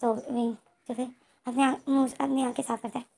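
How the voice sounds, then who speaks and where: A woman's voice: high voice, level tone, a little fast, gravelly, warm tone. A woman casually retelling a fan story, rambling with restarts and reading out characters' lines.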